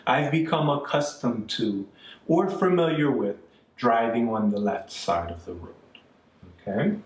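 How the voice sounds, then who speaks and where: A middle-aged Canadian man with a mid-range voice teaches an English grammar lesson in classroom style, speaking a little slowly. He patiently repeats his points and checks in with "okay?" and "right?". The room is echoey, the mic sits at a distance, and faint music plays.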